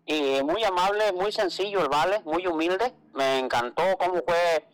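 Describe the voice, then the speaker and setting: Man, radio co-host, casual storyteller, slightly higher voice. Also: unhurried, low-quality recording. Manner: storytelling, quotes others, calls co-host "güerita".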